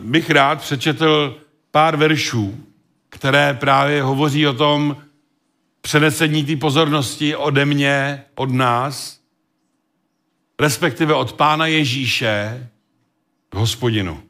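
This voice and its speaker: A man delivering a sermon in a mid-range voice, reading scripture and then expounding on it. He speaks in a measured, halting way, pausing often to gather his words, and coughs now and then. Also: mid-range voice, fairly even intonation, bright, forceful tone. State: occasional cough. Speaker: preacher.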